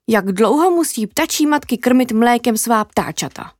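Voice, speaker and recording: A woman voicing a sly, teasing female magpie in a children's story, talking in a knowing, playful, drawn-out way. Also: on the high side, lively intonation, no echo, studio quality.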